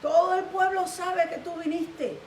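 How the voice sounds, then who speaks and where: A woman acting out a proud king begging in desperation, nearly shouting in a high voice. It sounds recorded from a distance in a reverberant room, with a soft hiss underneath. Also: steady tone, a little slow. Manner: pleading, near shouting. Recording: echoey room, distant mic, faint hiss.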